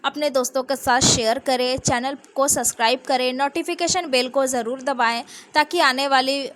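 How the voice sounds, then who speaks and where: High-voiced woman storyteller. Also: steady tone, normal speed, a bit bright. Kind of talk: read-aloud story narration.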